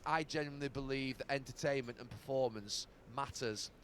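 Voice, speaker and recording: A middle-aged man giving broadcast football analysis, measured and halting, with fillers as he searches for words. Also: medium pitch, fairly bright tone, a little hiss or hum. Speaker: football pundit.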